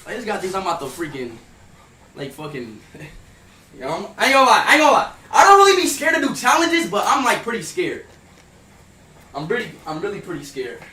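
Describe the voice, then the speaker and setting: Hyped young man streaming, high lively voice. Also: a little fast, pauses often, recorded from a distance. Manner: hyped and loud, swinging to nervous mutters. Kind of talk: live stream chat. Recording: roomy, off-mic with hum.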